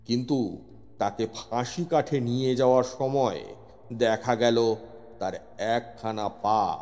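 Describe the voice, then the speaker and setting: A slow, darkish, medium-pitched male voice carries a scripted first-person horror narrative, told from a police inspector's point of view. Music runs under the long-reverb recording as he builds suspense dramatically.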